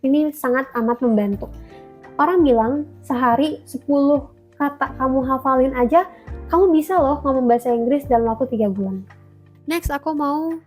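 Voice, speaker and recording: High-voiced chatty Indonesian woman vlogger. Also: moderate pace, darkish tone, soft background music. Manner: chatty, mixes in English phrases, encouraging. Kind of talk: casual talking-to-camera vlog.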